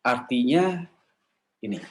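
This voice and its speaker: A man giving a lively, casual sermon to a women's church gathering, asking the audience questions and slipping into quoted voices. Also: mid-range voice, slow. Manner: animated, jumps into playful quoted voices and asks the audience questions; casual slangy talk mixed with formal preaching.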